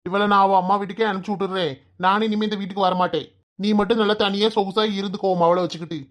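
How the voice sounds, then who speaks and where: A woman's voice: mid-range voice, steady tone, very fast, natural voice. A woman voicing an exasperated young husband caught between his family in a comic cartoon, with a Kanyakumari Tamil accent, arguing and pleading.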